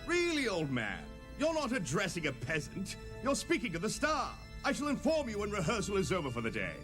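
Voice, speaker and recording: An actor voicing a hairy little creature turned star, in a pompous, condescending, theatrical manner for a sitcom. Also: male voice, high-pitched, huge pitch swings, fairly quick, over music. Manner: pompous, grandly thespian.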